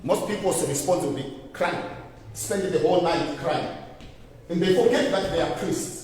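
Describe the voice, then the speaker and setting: A man's voice: fairly high pitch, normal speed, a little mellow, slight background noise. A man preaching a sermon as a pastor. He speaks emphatically, repeats phrases for emphasis and throws questions back to the congregation. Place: church hall. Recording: echoey hall, voice from far off.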